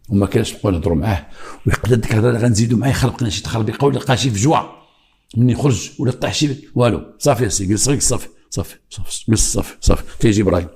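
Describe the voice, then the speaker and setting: An older man with a Moroccan accent tells a true crime story in a quick, rushing delivery. His voice sits low. He builds tension with sudden hushes and imitated heartbeats. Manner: dramatic, mimics heartbeats and pauses. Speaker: retired police investigator.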